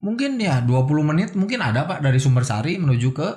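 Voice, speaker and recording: A man's voice: a little high, animated, fast, a little mellow. A man earnestly telling the story of his stabbing as an interview guest, often addressing the host respectfully. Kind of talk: emotional personal testimony. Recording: roomy echo.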